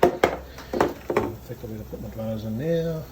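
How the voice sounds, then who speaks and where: A man with a New Zealand accent presents a home cooking video in his kitchen, speaking fairly quickly in a lowish voice. He's informal and hesitant, thinking aloud as he works, and the recording is very noisy.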